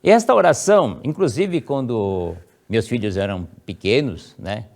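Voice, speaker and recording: A middle-aged Brazilian man gives a sermon at an online gathering. His voice is animated and swings widely in pitch. He recites prayers slowly and emphatically and keeps dropping filler words between phrases. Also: creaky. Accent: Brazilian Portuguese. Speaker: lecturer of a religious movement. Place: home, recorded for an online meeting.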